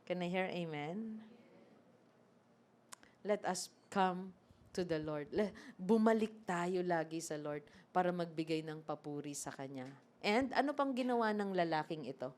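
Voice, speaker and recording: A woman preacher giving a lively sermon, acting out scripture and asking the congregation questions. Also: fairly low pitch, a little slow. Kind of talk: sermon mixing Tagalog and English.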